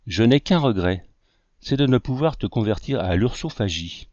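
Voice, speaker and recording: A man's voice: mid-range voice, normal speed, no room sound, dull audio, natural voice. A man reading as a teasing older uncle. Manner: deadpan teasing.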